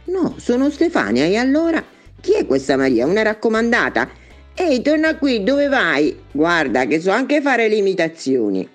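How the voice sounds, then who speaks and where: A woman's voice: medium pitch, wildly swooping pitch, moderate pace, faint music behind, voice pushed up. A woman voicing a brash, sarcastic young woman in a comic reading. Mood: cheeky. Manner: cheeky, sarcastic. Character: brash, mouthy young woman who wants to be on TV.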